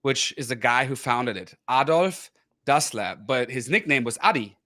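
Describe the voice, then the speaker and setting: A man with a German accent hosts a relaxed cultural Q&A and takes his time explaining things, often restarting his sentences and slowly spelling out words. His voice sits at a middling pitch. The recording sounds dry and close. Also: no echo. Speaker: host. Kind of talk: casual cultural Q&A chat.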